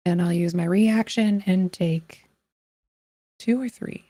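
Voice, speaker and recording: A woman's voice: fairly low pitch, fairly even intonation, slow, dark tone. A woman chatting casually and playfully as a player in a tabletop role-playing game.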